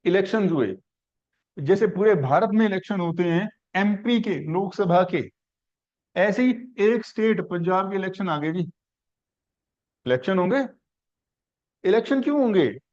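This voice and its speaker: A man's voice: sits high, animated, unhurried, long pauses, darkish tone, dull audio. A man teaching a civics class, asking questions and building the answer step by step through simple examples. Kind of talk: classroom lecture.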